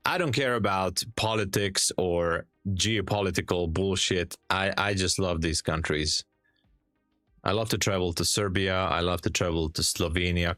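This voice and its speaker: Hungarian man with a low, slow voice. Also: a bit bright, no room sound, clean studio sound. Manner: chatty, laughing, frequent restarts while reading chat. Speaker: live-stream day trader. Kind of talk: casual live-stream chat answering viewers. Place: home trading room. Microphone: headset.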